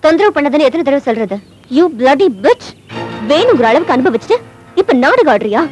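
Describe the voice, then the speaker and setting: A woman's voice: high-pitched, big pitch swings, a little fast, a little mellow, faint music behind. An actress dubbing a jealous woman who hurls abuse and threats over the phone in a film drama. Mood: menacing. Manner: abusive, menacing.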